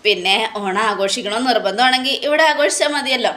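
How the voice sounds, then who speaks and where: A woman's voice: a little high, lively intonation, quick pace, sharp tone. A woman reading a kindly old housemaid. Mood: tender. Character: kindly middle-aged female housemaid, devoted.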